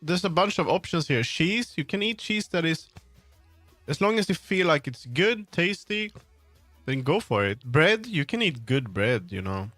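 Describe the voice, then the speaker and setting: A game developer livestreams while working, chatting casually in a slightly high, sing-song, fairly bright voice at an unhurried pace. He rambles, thinks out loud and often trails off mid-sentence, over background music with no echo.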